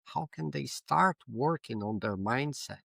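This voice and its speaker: Gravelly, courteous panel moderator. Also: male voice, medium pitch, animated, a little slow, a bit bright, no echo. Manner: hesitant, many fillers and restarts, courteous. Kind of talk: hosting a panel discussion.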